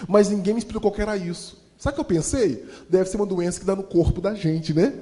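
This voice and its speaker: Brief: high-pitched man, animated comic storyteller in a reverberant hall. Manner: animated, fast-talking. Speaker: motivational storyteller. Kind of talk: humorous storytelling talk.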